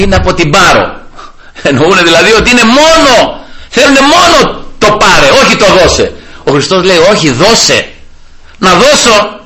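Animated male preacher, bright lively voice. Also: fairly high pitch. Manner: animated storytelling, repeatedly addressing "brothers" and praising God. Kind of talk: sermon.

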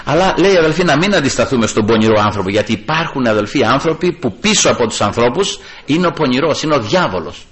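A man preaching a sermon to his congregation, animated, moving between raised emphasis and hushed asides. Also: medium pitch, hardly any pauses.

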